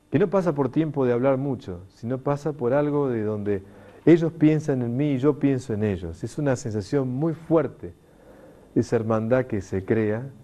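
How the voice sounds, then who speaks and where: Middle-aged guy lecturing a crowd, dark mellow tone, gets animated and acts out the quotes. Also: mid-range voice. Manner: warm, emphatic, animated teaching delivery with quoted voices. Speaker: lecturer on consciousness. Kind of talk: spoken lecture to an audience.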